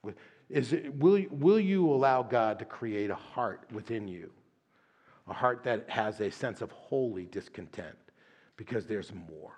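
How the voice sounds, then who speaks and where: A man's voice: medium pitch, unhurried. A middle-aged man preaching as a pastor in a conversational sermon, often adding tag questions and stumbling on repeated words as he starts a line. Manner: tag questions, shifts from lively to hushed prayer.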